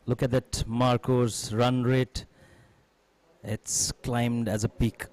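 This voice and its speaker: A man's voice: mid-range voice, flat delivery, slow pace, darkish tone. A man doing live cricket commentary as a co-commentator, in short, clipped phrases.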